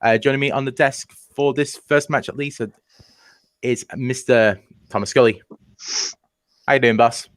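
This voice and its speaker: A man hosting a casual online trivia match, jokey and running the show with quick asides. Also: medium pitch, fairly even intonation, a bit bright, no echo.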